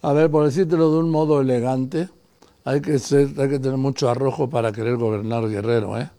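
Guy hosting a news interview, mellow low-key tone, asks pointed questions. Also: steady tone, fairly quick. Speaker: interviewer host.

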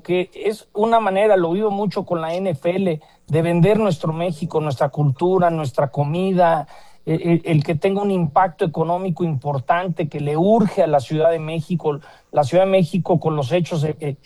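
A man's voice: fairly high pitch, dark tone. A man from Mexico with a Mexican accent, an upbeat panelist who often restarts his sentences. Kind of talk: opinion panel discussion.

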